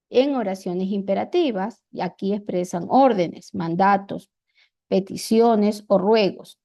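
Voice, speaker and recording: A woman teacher with an Ecuadorian accent, explaining grammar slowly and deliberately, repeating her examples. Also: mid-range voice, dark tone. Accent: Ecuadorian Spanish.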